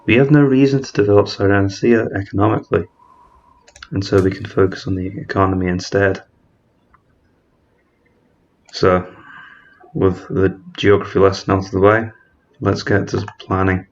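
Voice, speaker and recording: A man with a low, fairly even voice talks at normal speed, leaving long pauses, on a muffled recording. He's a strategy game let's-player giving methodical, explanatory commentary as he plays, thinking aloud and correcting himself mid-word.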